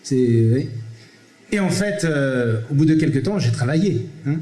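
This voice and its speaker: Theatrical Provençal comedian in a roomy theatre. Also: male voice, medium pitch, lively intonation, measured pace, warm tone. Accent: Provençal French. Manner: theatrical, chatty, switching to solemn declaiming. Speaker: comedian performing a one-man show. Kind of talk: stand-up monologue with poetic recitation. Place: theatre stage. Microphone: amateur camera in the audience. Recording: roomy theatre sound from an amateur camera.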